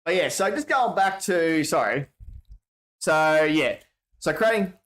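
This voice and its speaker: Reading viewer messages aloud, this Australian livestream host talks in a slightly high, expressive voice with a fairly bright tone and a measured pace. He rambles in a relaxed, slangy way and keeps starting over.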